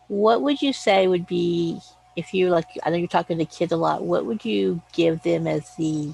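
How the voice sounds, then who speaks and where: Hesitant, husky voice on a video call. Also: medium pitch, darkish tone, low-quality recording. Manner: hesitant, halting. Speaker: audience member asking a question. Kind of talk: casual question.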